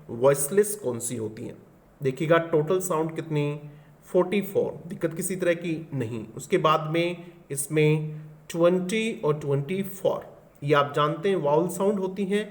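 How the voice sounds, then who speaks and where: Male teacher, slightly raised voice, walks through each answer step by step and quizzes the class. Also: fairly high pitch. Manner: explains step by step and keeps asking the class questions. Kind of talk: exam paper solution lesson.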